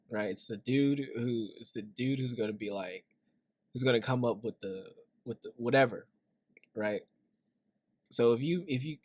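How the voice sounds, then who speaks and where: A man riffing on a clip he is reacting to, in a middle-pitched voice that sits right up at the mic with no room around it. He jokes and confides, tossing "right?" at his listeners as he goes. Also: dry recording. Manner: joking, confiding asides, frequent "right?". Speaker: reaction video host. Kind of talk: casual reaction commentary.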